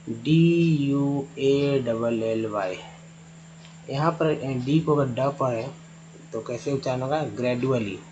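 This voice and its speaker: A man's voice: mid-range voice, warm tone, slight background noise, rough recording. A man teaching English pronunciation, patiently spelling out words letter by letter and repeating each sound. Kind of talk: Hindi-language phonics lesson at a board.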